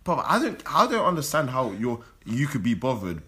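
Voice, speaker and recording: A young man chatting casually and arguing his opinions in an animated, slangy, sweary way. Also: medium pitch, normal speed. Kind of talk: casual chat, debate.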